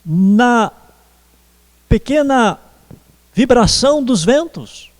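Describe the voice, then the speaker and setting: A man preaching a sermon as pastor, slow and measured with pauses. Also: very high voice, lively intonation, in a large hall. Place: church.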